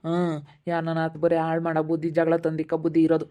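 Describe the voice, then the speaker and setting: A woman playing a sharp-tongued, scolding village neighbour in an amateur skit. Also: sits low, monotone, quick pace, natural voice. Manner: scolding, judgmental. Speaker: neighbour Meena.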